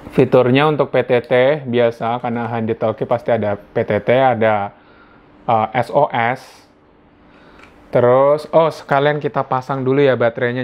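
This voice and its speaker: A product reviewer with an Indonesian accent narrates an unboxing casually and conversationally, explaining things informally. His voice is medium-pitched and smooth, though the audio sounds dull, and background music plays.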